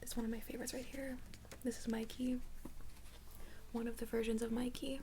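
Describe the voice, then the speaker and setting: A young woman in an ASMR role-play as a librarian, speaking in a soft, halting soft voice. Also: on the high side, little pitch movement, noisy background. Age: young adult. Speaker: ASMR creator playing a librarian.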